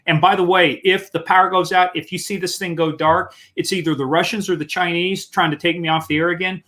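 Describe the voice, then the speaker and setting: A man's voice: sits high, steady tone, a little fast, bright, forceful tone. A man from Kansas, a guest expert on a live webinar, talking in a joking, self-deprecating way over a video call. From Kansas, USA. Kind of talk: casual chat on a live webinar.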